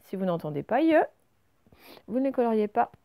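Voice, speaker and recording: A woman teaching a recorded reading lesson to young children. She explains each word slowly and clearly, step by step. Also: on the high side, sing-song, dark tone, no echo.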